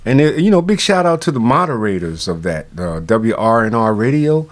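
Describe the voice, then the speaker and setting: Low-voiced man rambling with many restarts. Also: a little fast. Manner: bursts of animated emphasis. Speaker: radio show guest. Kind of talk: casual radio talk.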